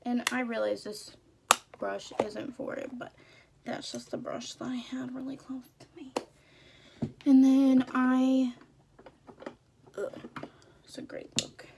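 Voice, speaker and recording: A young woman talks her viewers through a makeup look in a relaxed, playful tone. Her voice sits a little high and she takes her time, drawing out her words. She drops casual slang as she goes. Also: measured pace, gravelly, background noise. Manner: chatty, playful, with slang like sis and y'all. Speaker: beauty vlogger. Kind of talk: casual makeup tutorial chat.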